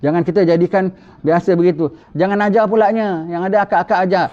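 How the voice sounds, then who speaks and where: Male religious teacher, emphatic lecture delivery, fairly high voice, muffled lo-fi audio. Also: fairly even intonation, fast, a little mellow. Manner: emphatic, rhetorical questions. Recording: dull lo-fi recording.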